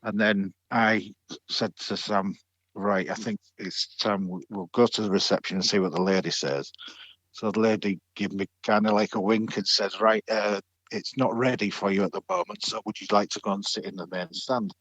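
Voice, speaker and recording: A middle-aged man with a very low voice recounts a story in a relaxed, rambling way, full of ums and restarts. The sound is dull and lo-fi, with a dry, close feel and no room echo. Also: moderate pace. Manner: chatty, hesitant with fillers and restarts, laughs often. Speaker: podcast guest. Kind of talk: storytelling in a casual interview.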